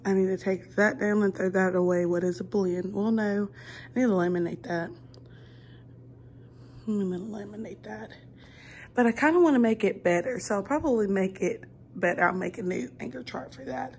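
A young woman vlogs into her phone in an easy, rambling chat, full of ums and self-corrections. Her voice sits in a middle pitch, and a faint hum of noise runs underneath. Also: moderate pace, a little mellow. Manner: rambling, chatty, with many ums and restarts. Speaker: kindergarten teacher and vlogger. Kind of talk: casual vlog chat.

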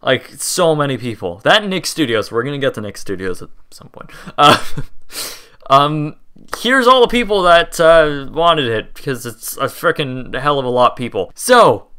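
A man's voice: on the high side, sing-song, normal speed, bright, forceful tone, clear, resonant tone. A young man hosting a casual history video, chatty and rambling, laughing and tripping over words. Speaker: host.

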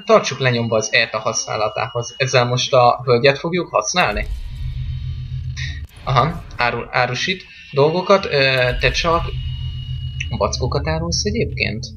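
A man's voice: mid-range voice, lively intonation, pushed and bright, soft background music. A man giving casual, rambling let's-play commentary on a game, joking and chatting with the game's characters. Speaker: gameplay commentator.

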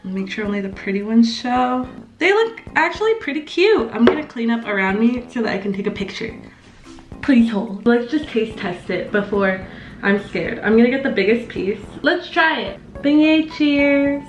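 Fairly high-pitched and expressive, a young adult woman keeps a moderate pace as she cooks and jokes at her own expense in a small home kitchen. It's a casual cooking vlog shot on a counter camera, and her manner is bubbly and chatty. The low-quality recording sounds reverberant, with faint music behind her.

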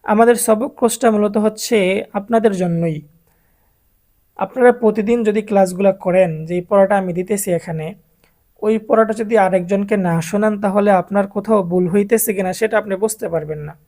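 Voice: medium pitch, a little fast. Quran reading teacher, patient, repetitive letter drills, recorded online lesson. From Bangladesh. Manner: drills letter sounds in a steady repetitive chant; patient, addresses viewers directly.

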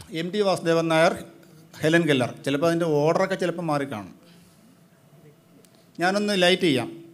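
A man hosting a live quiz as quizmaster, briskly prodding the teams and questioning their answers. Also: fairly high pitch.

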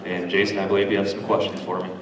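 Halting man in an echoey hall. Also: low voice, completely flat delivery, crowd noise. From Michigan, United States. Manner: hesitant, halting. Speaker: contestant. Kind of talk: interview answers on stage. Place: indoor stage. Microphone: handheld mic through PA, recorded by far camera. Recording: echoey stage hall, distant camera.

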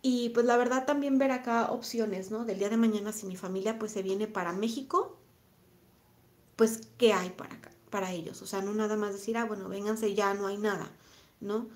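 A woman with a Mexican accent, in her thirties, talking on a live stream and answering chat comments in a reflective, soft-spoken way, often repeating her phrases. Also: mid-range voice, steady tone, moderate pace. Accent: Mexican Spanish. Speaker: vlogger reading live chat.

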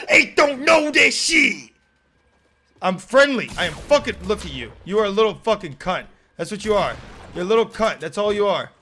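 A young man with a lisp, streaming a game live and yelling and swearing in bursts of rage. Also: very high voice, slight background noise. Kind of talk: raging live-stream commentary.

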